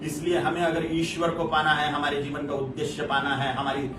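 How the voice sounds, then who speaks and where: A man's voice: fairly high pitch, completely flat delivery, brisk, reverberant, far from the mic, noisy background. A man giving an impassioned religious discourse, speaking emphatically and hammering points home through long repeated lists. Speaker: religious preacher.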